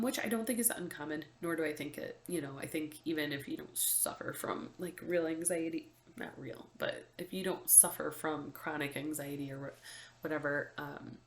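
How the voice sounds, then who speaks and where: A young vlogger with a stuffy, congested voice chats casually to camera indoors, in a room with the window open, and the space sounds echoey. Her voice is deep with vocal fry, and she's chatty, laughing often and saying lots of "um" and "like."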